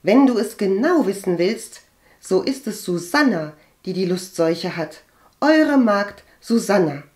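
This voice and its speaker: A woman's voice: on the high side, lively intonation, moderate pace, hardly any pauses, darkish tone, voice pushed up, close to an everyday voice. A woman voicing a heated, earnest young healer. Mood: angry. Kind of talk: audiobook character voice.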